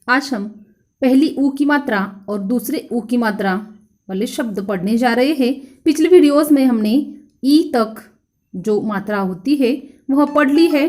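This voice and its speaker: A woman with a high voice and a Marathi accent teaches young children. She speaks slowly and carefully, drawing out each word. She repeats sounds so her pupils can echo them back. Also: darkish tone. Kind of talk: children's grammar lesson.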